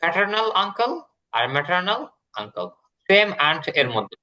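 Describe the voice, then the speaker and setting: Bright-voiced teacher explaining patiently. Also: male voice, sits high, sing-song, fairly quick. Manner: explains patiently, repeating words and translations. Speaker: English teacher. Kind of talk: classroom lesson.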